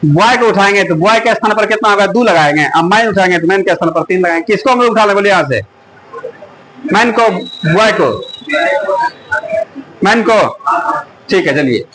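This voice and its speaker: A man's voice: sits high, moderate pace, long pauses, a bit bright, slight background noise, rough recording. A man teaching a classroom math lesson, often stopping to ask the students whether they follow. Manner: coaxing, keeps asking the class if it is clear. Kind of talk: classroom lecture.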